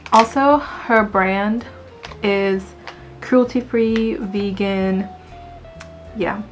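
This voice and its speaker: A woman beauty vlogger giving a casual, jokey product review to camera, chatting and giggling. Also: mid-range voice.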